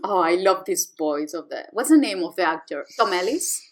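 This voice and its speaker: A woman's voice: lowish voice, expressive, normal speed. A woman co-hosting a podcast in casual chat, playful and laughing often. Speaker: podcast co-host.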